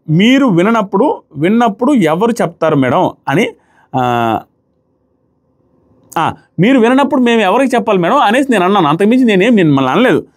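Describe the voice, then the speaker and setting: Man, high voice, rapid animated commentary, acts out quoted lines, Telugu accent. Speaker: reality show reviewer. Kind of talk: casual commentary recapping with quoted dialogue.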